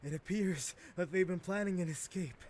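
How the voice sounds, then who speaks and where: A man's voice: high voice, normal speed, a little mellow. An actor playing a nervous male spy in a game, reporting in a deferential, apologetic way.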